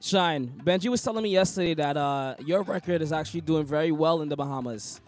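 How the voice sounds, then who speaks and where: A male DJ hosts this interview over a video call with a notably high voice. He gushes, leans on emphasis and repeats himself as he praises his guests. Soft music plays faintly underneath. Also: fast talker. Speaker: DJ and interview host. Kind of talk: casual interview chat.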